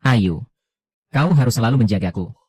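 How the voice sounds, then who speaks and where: A man's voice: mid-range voice, animated, moderate pace, a little mellow, husky. A man voicing a weak, deceitful young noble husband in a plain, subdued tone. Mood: tender.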